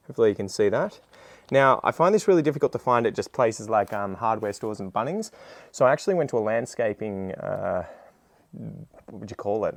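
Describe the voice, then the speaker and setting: An Australian gardening video creator chats casually while demonstrating a task, rambling, self-deprecating and slangy. His voice is mid-range, with no echo.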